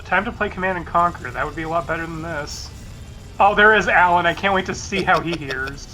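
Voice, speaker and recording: Bright higher-voiced man, sarcastic game commentary. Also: brisk, soft background music, low-quality recording. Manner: sarcastic, foul-mouthed. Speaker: let's play commentator.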